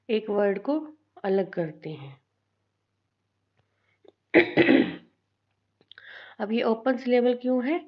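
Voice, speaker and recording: Slow, deliberate Indian woman teacher. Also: mid-range voice, lo-fi sound. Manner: slow and deliberate, spelling out letters and repeating for students. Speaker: English teacher. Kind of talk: classroom lesson mixing Hindi and English.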